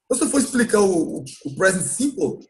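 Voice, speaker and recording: High-voiced Brazilian man teaching English. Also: sing-song, soft background music. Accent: Brazilian Portuguese. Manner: explains patiently, repeats words slowly to model pronunciation. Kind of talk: live online class recap.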